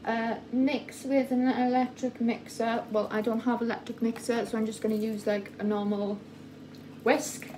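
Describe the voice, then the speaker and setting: A young woman in her twenties talking casually through a baking tutorial in a home kitchen, halting often with fillers and self-corrections. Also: a little high, level tone, a little mellow, slight background noise, rough recording. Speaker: vlogger. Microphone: phone camera at a distance.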